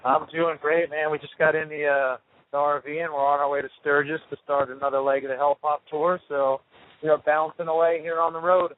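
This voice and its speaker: A man in a band, talking casually over the phone from a tour RV, relaxed and rambling with lots of fillers. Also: fairly high pitch, fairly quick. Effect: heard over a phone line. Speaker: touring rock band member interviewed as guest. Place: tour RV on the road. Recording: tinny phone line.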